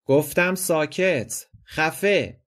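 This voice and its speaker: A man's voice: a little high, expressive, fairly bright tone, voice pushed up. A man voicing a stern, pompous male teacher who gives curt commands in a dramatized play reading.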